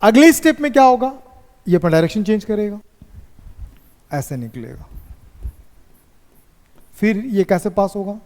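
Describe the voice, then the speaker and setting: A man teaching physics in a classroom, asking students questions and dictating notes slowly. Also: high-pitched, animated, darkish tone. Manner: slow dictation. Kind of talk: classroom lecture. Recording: echoey classroom reverb.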